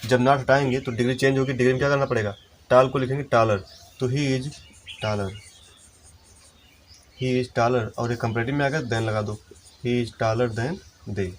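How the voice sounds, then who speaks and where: A man teaching English grammar in a lesson, explaining step by step and slowing down to dictate example sentences. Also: medium pitch, fairly even intonation, slight background noise. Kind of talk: Hindi-language classroom lesson.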